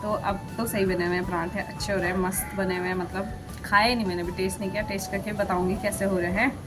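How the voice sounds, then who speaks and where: A woman chats through a home vlog in a lively, teasing way, laughing often as she talks. Her voice sits at a middle pitch, and the room echoes with music playing behind her. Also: fast. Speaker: vlogger. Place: home kitchen and indoors.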